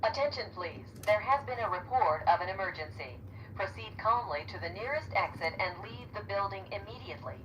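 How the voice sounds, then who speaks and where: A woman's recorded emergency announcement plays over a PA loudspeaker, calm, formal and evenly paced. The voice sounds distant from the mic, with clear background noise around it. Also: mid-range voice, brisk. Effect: played over a PA loudspeaker.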